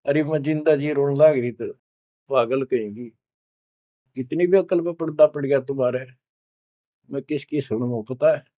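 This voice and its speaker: A man's voice: mid-range voice, moderate pace, pauses often, no echo, close to an everyday voice. A man voicing a faithful village man who explains earnestly, in slightly muffled audio. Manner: earnest, reassuring.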